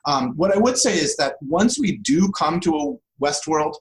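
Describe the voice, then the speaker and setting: His voice is a little high, animated, and at normal speed, though the recording is rough. As an interview guest and law professor, he offers expert explanations in a relaxed way, punctuated by rhetorical check-ins.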